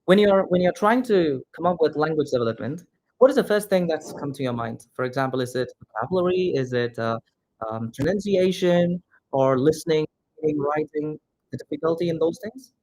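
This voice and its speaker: A Malayalam-speaking man from India teaches English pronunciation with a neutralized Indian accent, calling his students "guys" in a direct, repetitive way. His voice runs on the high side, expressive and brisk with a darkish tone, and the recording is rough.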